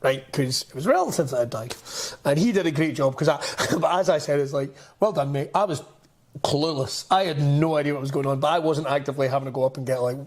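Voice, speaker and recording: A Scottish man co-hosting a podcast, ranting in animated, exasperated casual chat and laughing often. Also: fairly high pitch, quick pace. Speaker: podcast co-host.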